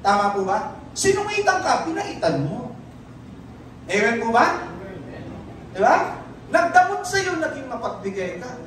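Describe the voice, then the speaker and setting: A Filipino-accented preacher's sermon, full of calls to the congregation for an amen, is heard from far off in a very echoey church hall with slight background noise. His mid-range, somewhat bright voice swings widely in pitch, moves a little slowly and leaves long pauses.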